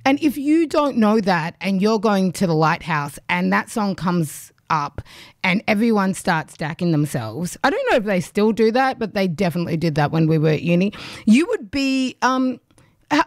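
A woman's voice: mid-range voice, expressive, normal speed, no echo, studio quality. A woman radio host, raised in Australia with Ugandan roots, chatting in a loose, rambling way between songs.

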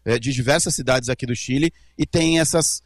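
A man's voice: medium pitch, a little fast, no echo. A male correspondent explaining a news event precisely in a live report.

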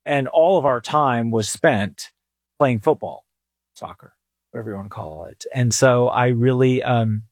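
A man from England, a financial advisor, talking on a radio show in a low, slightly husky voice. He answers at an easy, thoughtful pace, and the recording is dry and close. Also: dry recording. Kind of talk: casual interview answers.

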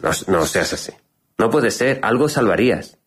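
A man's voice: lowish voice, very animated, normal speed. A man hosting a comedic chat, feeding his guest dry, probing questions. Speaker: host. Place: newsroom studio.

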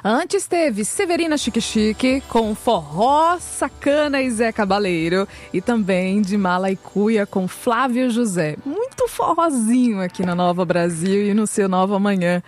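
A woman co-hosting a morning radio show, announcing songs and putting brisk questions to a guest. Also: mid-range voice, expressive, faint music behind. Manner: brisk, reads segment questions. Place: radio studio.

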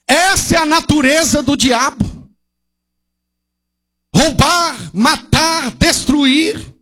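A man with a very high, fairly bright voice gives an impassioned sermon as pastor at a church service. He lingers on his words at a slow, deliberate pace, asking rhetorical questions and breaking in with cries of hallelujah.

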